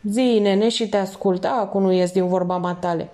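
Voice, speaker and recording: A woman's voice: medium pitch, fairly even intonation, warm tone, close to an everyday voice. A woman voicing a panicky young male thief who talks in street slang, pleading and jittery, in an audiobook.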